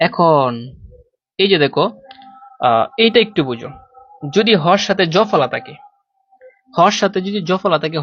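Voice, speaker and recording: A man's voice: sits high, a bit bright, slight background noise. Male teacher with lo-fi sound. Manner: drills students with repeated questions. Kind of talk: online grammar lesson. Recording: dull lo-fi sound.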